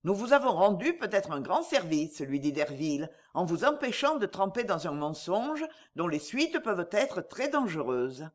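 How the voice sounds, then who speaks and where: A woman voicing a courteous, discreet male attorney in an audiobook, speaking low and confidentially. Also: very animated, normal speed, hardly any pauses.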